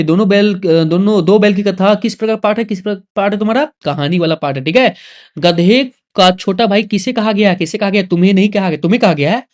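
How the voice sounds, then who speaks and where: High pitched guy w jharkhand hindi accent, rattling thru exam questions, repeats stuff, jokes at the kids. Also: darkish tone. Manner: rapid question-and-answer drilling, repeats words, teasing. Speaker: teacher. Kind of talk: exam revision lesson.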